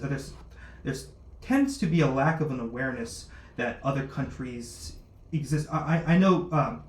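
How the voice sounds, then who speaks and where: Startup founder, male, hesitant and filler-heavy, recorded in a roomy space. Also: medium pitch. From born in Luxembourg, raised abroad. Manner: halting, many fillers and restarts. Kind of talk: interview answers. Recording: roomy echo, faint noise.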